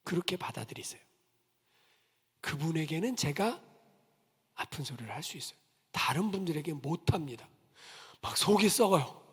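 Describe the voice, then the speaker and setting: A man's voice: a little high, moderate pace, pauses often, breathy edge. A middle-aged man preaching a sermon as a pastor, telling stories and acting out the voices of the people in them. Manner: animated storytelling, acting out quoted voices. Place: church sanctuary. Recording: long church reverb.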